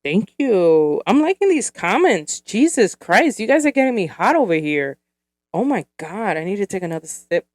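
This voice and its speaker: A woman's voice: mid-range voice, big pitch swings, moderate pace, a little mellow, dry recording, clean studio sound. A woman in her thirties hosting a solo podcast, chatting casually and giggling, with lots of fillers as she goes. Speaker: podcast host.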